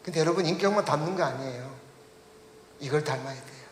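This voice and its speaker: A man's voice: a little high, quick pace, slight background noise. A male pastor preaching a sermon, putting questions to the congregation and leading them through reading the text aloud. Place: church sanctuary. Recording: echoey church hall reverb.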